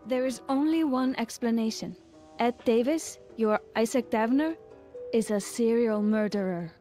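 A woman voicing a sly, imperious mystery informant in a cartoon game, arch and deliberate. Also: on the high side, warm tone, soft background music, close to an everyday voice. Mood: scornful, insistent. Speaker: character in a puzzle video game.

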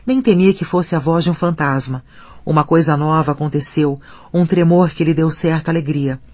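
A man narrating an audiobook in an even, measured reading voice. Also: fairly high pitch, dry recording. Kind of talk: scripted narration.

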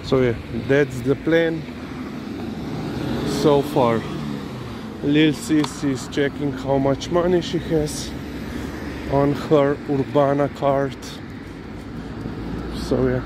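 Slow, rambling man on a street walk. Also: medium pitch, fairly even intonation. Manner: rambling, unhurried, with many fillers and restarts. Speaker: dog owner vlogging a walk. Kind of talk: casual narration while walking. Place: outdoors on city streets. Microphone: handheld or body camera. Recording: noisy outdoor street recording. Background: traffic and street noise.

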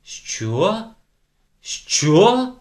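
A man's voice: medium pitch, animated, normal speed, fairly bright tone, lightly acted. A man reading an audiobook voices a strict old spinster schoolteacher who speaks sternly and raises her voice in alarm. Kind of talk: audiobook character voice.

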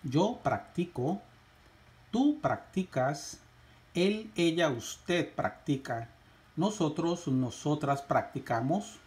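Slow, measured male teacher. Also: fairly high pitch, darkish tone. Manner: slow, measured recitation with rising lists. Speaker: Spanish teacher. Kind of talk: slow, drilled verb conjugation lesson.

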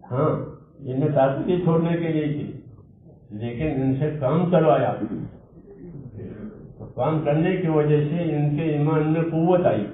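A man preaching a sermon in a mosque hall, talking to the congregation as friends in a measured, repetitive way. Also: a little high. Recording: echoey hall from far off, tinny lo-fi sound.

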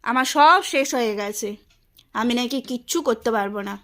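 High, bright aggrieved woman venting. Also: normal speed. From West Bengal, India. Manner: aggrieved, venting complaints at length. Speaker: vlogger and housewife. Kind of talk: casual domestic vlog. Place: at home.

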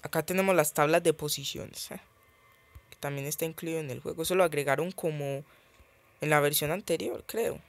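A man's voice: fairly high pitch, fairly even intonation, brisk, gravelly. A man giving casual gameplay commentary as he plays a mobile game, chatty and thinking aloud, easily startled.

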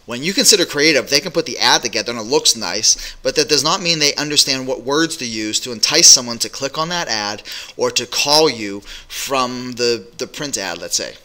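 A middle-aged business coach talks straight into a desk webcam in a small home office, giving direct-to-camera business advice to business owners. His mid-range voice moves at a normal speed, energetic and direct, with plenty of uhs and other fillers.

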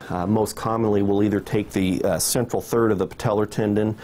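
A middle-aged man, an orthopedic surgeon, calmly explaining a procedure in an interview with a few "uh" fillers. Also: fairly low pitch, a little fast. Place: office with bookshelves.

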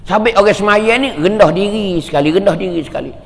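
A man's voice: sits high, quick pace, vocal fry, long reverb tail. A man preaching a sermon, emphatic and repetitive, asking rhetorical questions. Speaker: religious teacher.

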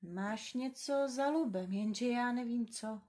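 A woman voicing a grown man, a kind and worried pilot, speaking low and hesitantly in a storybook reading. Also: a little mellow, lightly acted. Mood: uneasy.

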